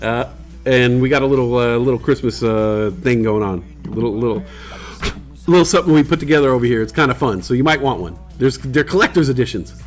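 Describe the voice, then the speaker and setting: A man's voice: mid-range voice, fairly quick, faint music behind. Laid-back man rambling to his stream. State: hiccuping. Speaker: livestream host. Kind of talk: casual chat to stream viewers. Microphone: desk microphone.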